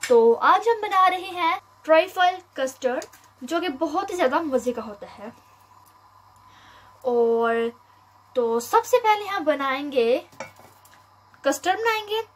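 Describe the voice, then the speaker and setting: A young woman hosting a home cooking video, calmly explaining each step with frequent pauses and fillers, recorded on a phone in her kitchen. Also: high-pitched. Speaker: cooking channel host. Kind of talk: home cooking tutorial narration.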